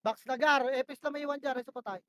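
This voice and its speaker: Very high-pitched woman calling game plays. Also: fairly even intonation, fast. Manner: barks short repeated commands, swears when frustrated. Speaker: team shotcaller in a tactical shooter match. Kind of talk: rapid in-game voice comms.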